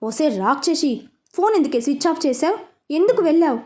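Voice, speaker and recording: A woman's voice: high voice, expressive, a little fast, dark tone. A woman voicing a scolding, stern mother. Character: angry, scolding middle-aged mother.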